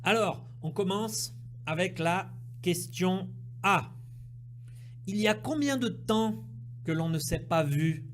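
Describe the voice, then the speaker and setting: A man's voice: high voice, takes it slowly, fairly bright tone, a little hiss or hum. A man teaching French, going through exercise answers and drilling sounds by repeating words and checking understanding. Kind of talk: language lesson, correcting exercises.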